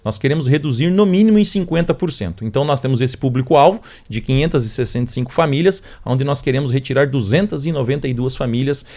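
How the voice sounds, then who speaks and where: A man's voice: medium pitch, a little mellow. A man, a mayor, answering interview questions and explaining targets steadily with figures.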